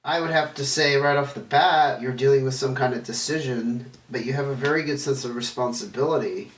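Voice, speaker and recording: A tarot reader with a stuffy, nasal voice from a cold chats casually through a card reading, meandering and correcting himself as he goes. His medium-pitched voice moves a little fast. The recording comes from a distant mic in an echoey room, with faint noise.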